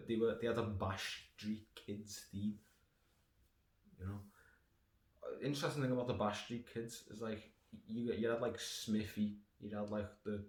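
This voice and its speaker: With a fairly low, slightly mellow voice, a man from the United Kingdom reviews snacks casually and ramblingly, sarcastic, swearing and digressing. The room echoes and has faint noise.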